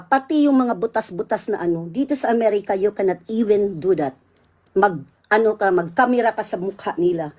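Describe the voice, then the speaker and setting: Casting: babaeng Visayan ang punto, palaban na rant sa live, medyo mataas ang boses. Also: female voice, a little high. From Visayas, Philippines. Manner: loud indignant ranting, mixing English in. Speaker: online seller livestreaming. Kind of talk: angry livestream rant.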